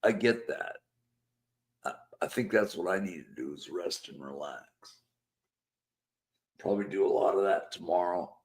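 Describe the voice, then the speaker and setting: This deep-voiced man speaks at normal speed but pauses often while hosting an easygoing live chat show. He's losing his voice as he rambles, chats, and reads aloud what viewers have written.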